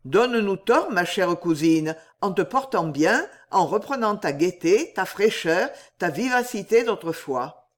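A man voicing an earnest, plain-spoken English gentleman who speaks insistently to his cousin in a storybook reading. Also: high voice, animated, measured pace, few pauses. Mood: tender.

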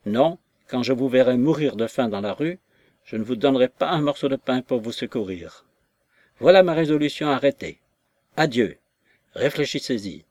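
A man voicing a blustering, cursing country squire, loud and blunt in his threats. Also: medium pitch, expressive, moderate pace, no echo, lightly acted. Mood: furious.

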